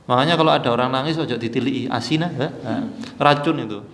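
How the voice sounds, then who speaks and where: A man preaching in a religious study session with an East Javanese accent, lively and acting out quoted voices as he teaches. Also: medium pitch, fast talker, big-room sound. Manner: animated, mixes Javanese with Indonesian, acts out quoted mourners.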